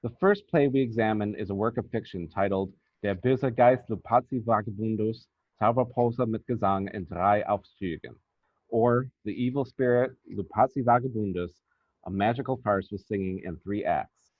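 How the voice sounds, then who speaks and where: Reading a scripted academic paper aloud at normal speed, this male researcher has a voice on the low side. The recording sounds dry, muffled and narrow-band.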